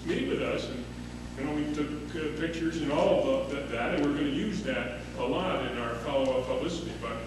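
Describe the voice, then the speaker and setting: A middle-aged conference panelist gives unscripted remarks at a podium mic in a large wood-paneled hall, hesitant and full of "uh" fillers and restarts. His voice is a little high. The audio echoes heavily, he sounds distant from the mic, and a constant hum runs underneath.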